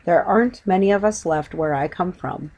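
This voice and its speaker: A woman's voice: lowish voice, normal speed, a little mellow, dull audio. A woman voicing a small, polite young male bear in a children's story, speaking formally and earnestly. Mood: self-important. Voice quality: small, clear voice.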